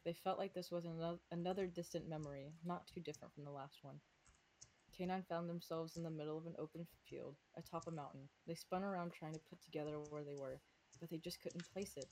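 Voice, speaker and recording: A woman's voice: low-pitched, fairly even intonation, fairly quick, darkish tone, a little hiss or hum. A woman with a slight lisp on her S sounds, reading her own fanfic aloud to friends and breaking off for giggly asides. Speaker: fanfic reader and author.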